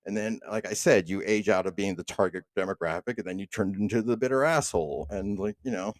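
A man's voice: lowish voice, fairly quick, no echo. A man in his thirties hosting a solo podcast, delivering a profane, rambling rant full of restarts. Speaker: podcast host. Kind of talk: casual solo monologue.

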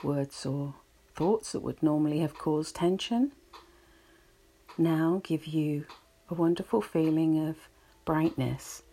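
A woman guiding a relaxation session in a slow, soothing, reflective way. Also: sits low, mellow. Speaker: relaxation guide. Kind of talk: guided relaxation talk.

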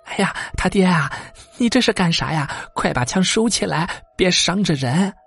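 A man's voice: sits high, animated, moderate pace, creaky, slightly rough, soft background music, pitched above the performer's own voice, heavily acted. A man doing a fretful old village wife. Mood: pleading. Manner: pleading, fretful.

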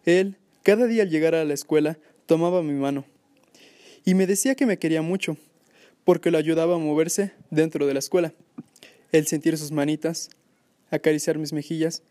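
A man reads a teacher's letter aloud in a steady, earnest way. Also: a little high.

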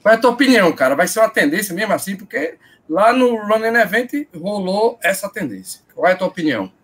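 A man with a Brazilian Portuguese accent hosts a running live stream, chatting casually and addressing people in chummy slang. His voice is high-pitched, animated, and fast, fairly bright with a breathy edge.

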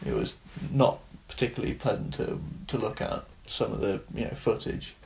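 A man with a gravelly, fry-edged voice co-hosting a casual podcast. He talks in halting bursts full of fillers and restarts, and gets animated when he argues a point. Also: lowish voice. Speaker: podcast co-host. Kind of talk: casual chat.

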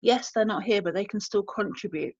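A woman's voice: medium pitch, fairly quick, a little mellow, breathy edge, dry recording. A woman, speaking as a guest and telling a personal story candidly and reflectively, often searching for her words. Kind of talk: emotional personal story in conversation. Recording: dry, slightly dull lo-fi audio.

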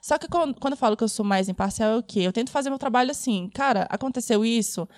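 A woman's voice: fairly high pitch, quick pace, a little mellow, no echo, studio quality. A young woman journalist with a Brazilian Portuguese accent, chatting as a guest on a podcast in a casual, slangy way. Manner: chatty, uses slangy asides.

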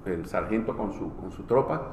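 A man with a Venezuelan accent, a comedian telling jokes on a live show, with halting starts. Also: sits low, lively intonation, a little mellow. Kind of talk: joke telling. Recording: echoey hall with faint noise.

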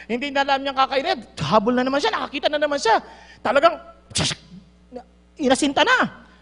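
A woman with a very high voice preaches to a congregation, switching between Tagalog and English. She tells her stories in a lively way and laughs often. Her voice echoes with a long reverb, as if she is in a large hall. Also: brisk. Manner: mixes Tagalog and English, animated storytelling with laughs. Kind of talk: sermon with storytelling.

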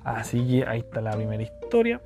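A man's voice: mid-range voice, big pitch swings, quick pace, gravelly, music in the background. A young man in his twenties with a Chilean accent, telling funny personal stories on a podcast in a slangy, rambling, joking way. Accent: Chilean Spanish. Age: 20s. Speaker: podcast host. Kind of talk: casual storytelling podcast.

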